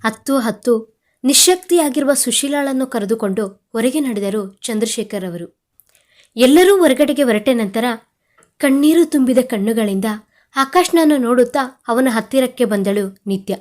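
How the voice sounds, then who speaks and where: A woman narrating a serialized romantic audio story in an expressive, dramatic way. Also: a little high, normal speed.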